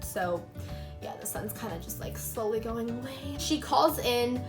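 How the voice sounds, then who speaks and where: A young woman with a slightly high voice recounts a personal story straight to the camera, rambling casually and leaning on "like" at every turn. She is recording in a room at home as the daylight fades. Faint music plays under her voice. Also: expressive, measured pace. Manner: chatty, filler-heavy retelling with many "like"s. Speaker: YouTuber telling a personal story.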